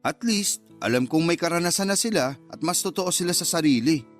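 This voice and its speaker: In a radio drama, an actor plays a hesitant yet candid young man who courts older women, sounding casual and a little defensive. His voice sits on the high side with lively intonation and a brisk pace, lightly acted over soft background music.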